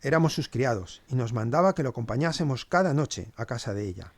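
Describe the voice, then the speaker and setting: A man's voice: mid-range voice, lively intonation, brisk, no echo, close to an everyday voice. A man playing Sosia, wry servant. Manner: sardonic, dry asides. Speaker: podcast storyteller. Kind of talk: scripted two-hander narration.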